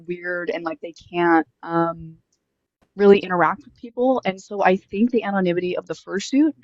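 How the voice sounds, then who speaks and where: A woman in her twenties hosts a casual street interview with strangers, chatty and friendly and full of fillers. Her voice sits on the low side with a darkish tone, no echo, and the highs cut off.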